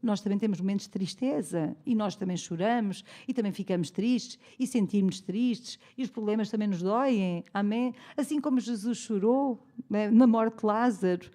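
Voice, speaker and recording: A woman's voice: medium pitch, normal speed, mellow. European Portuguese woman preaching, conversational. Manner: conversational, calls for "amen" responses. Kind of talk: sermon. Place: church.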